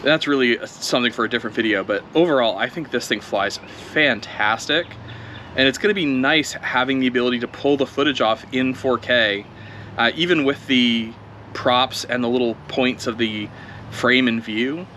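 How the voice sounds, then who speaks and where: A man's voice: mid-range voice, normal speed, slight background noise. Chatty man commenting outdoors while flying. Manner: relaxed, chatty, thinking aloud while flying. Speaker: drone video creator. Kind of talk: casual first-flight commentary.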